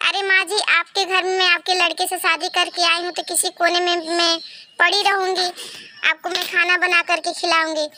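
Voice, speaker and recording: A man's voice: very high-pitched, flat delivery, normal speed, sharp tone, a little hiss or hum, full character voice. A man voicing a humble, polite young bride in a cartoon, speaking meekly. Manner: meek, respectful. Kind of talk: cartoon voice acting.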